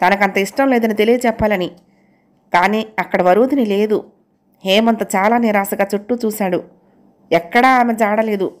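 A woman storyteller giving steady, expressive scripted narration of a novel. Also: on the high side.

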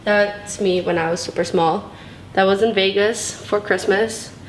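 Her mid-range voice is fairly even and measured as a young woman films a handheld tour of her bedroom and bathroom, moving from room to room. The talk is bubbly and rambling, full of "like" and "so cool", and the tiled indoor space echoes with background noise behind her.

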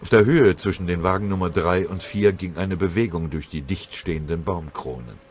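Deep guy reading a war audiobook, steady dramatic voice, faint gunfire sounds in back. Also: normal speed, a little hiss or hum. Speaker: audiobook narrator. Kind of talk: scripted narration.

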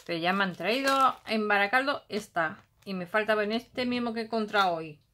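Slightly fast and pushed, her bright mid-range voice carries a little hiss or hum. She's a middle-aged Spaniard with a Basque Country accent, casually chatting through a craft haul at her home table while thinking aloud and humming fillers.

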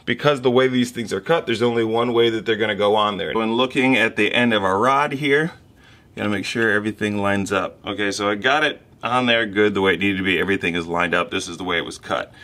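Working in his home garage, a man in his thirties hosts a casual how-to, explaining an engine rebuild step by step while the camera mic picks him up. His voice is lowish and steady, quick-paced, and sounds pushed and bright.

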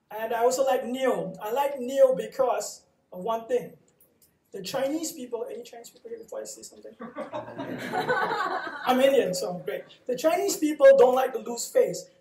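A man's voice: extremely high pitch, darkish tone, slight background noise. Singapore guy on a panel, punchy and sure of himself, echoey room far from the mic. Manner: emphatic, confident, punchy. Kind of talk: live panel talk. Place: coworking space event room.

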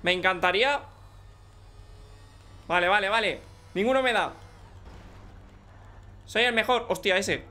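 A young man with a Spanish accent from Spain, commenting excitedly on his online game and joking with teammates. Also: high voice, measured pace, long pauses. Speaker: gaming YouTuber. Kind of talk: live gameplay commentary.

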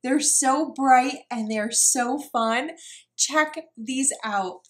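A woman's voice: high voice, drawn-out words. A woman from New York chatting casually as she unboxes craft mail, gushing and laughing often. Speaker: craft vlogger.

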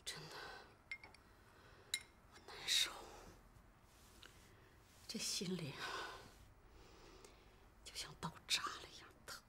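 A young actress playing a frail, grieving wife who speaks weakly and tearfully in a TV drama. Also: female voice, very fast, lightly acted. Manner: tearful, faint. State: weak, whispering. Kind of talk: TV drama acting.

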